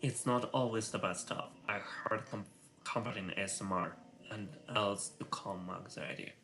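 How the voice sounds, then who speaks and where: A man whose first language is Russian, speaking English with a Russian accent while thinking aloud on a live coding stream, halting and full of filler sounds. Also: fairly low pitch, fairly even intonation, bright, forceful tone, a little hiss or hum. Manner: halting, many filler sounds, muttering to himself; self-conscious about his English voice.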